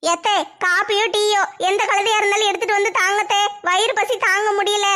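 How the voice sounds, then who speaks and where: A woman acting a complaining young wife in a comic home skit, chattering in an animated way. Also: extremely high pitch, brisk. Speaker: comedy skit creator.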